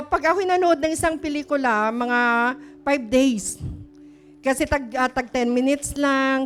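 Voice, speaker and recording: A middle-aged woman pastor, preaching a chatty, story-filled sermon that often questions the congregation. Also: high-pitched. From Philippines.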